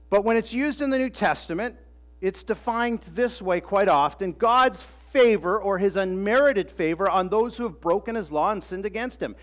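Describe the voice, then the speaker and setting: High-voiced animated male preacher. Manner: animated storytelling with acted quotes, repeats phrases for emphasis. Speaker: pastor. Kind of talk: sermon.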